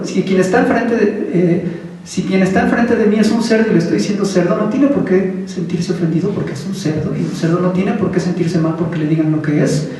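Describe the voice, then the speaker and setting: A man's voice: sits high, dark tone. A man giving a Buddhist teaching as a casual talk, putting questions to the audience. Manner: conversational, asks the audience questions. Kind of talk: informal dharma talk. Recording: echoey hall, speaker far from the mic.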